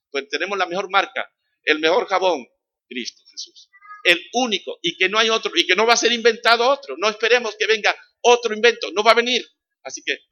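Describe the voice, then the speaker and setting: A man preaching a sermon, animated and conversational, rising loud on key phrases and addressing the congregation directly. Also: fairly high pitch, no room sound, dull audio.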